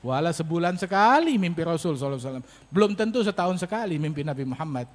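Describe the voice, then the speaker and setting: A man preacher voicing a humble religious scholar who quietly questions and advises. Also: on the high side, expressive, rapid-fire, close to an everyday voice. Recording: echoey hall reverb.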